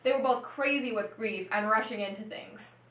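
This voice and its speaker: A woman's voice: on the high side, moderate pace, a bit bright, natural voice. A woman playing Horatio, a grieving young man, earnestly recounting events in an amateur interview skit. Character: Horatio, grieving loyal young male friend. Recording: echoey room.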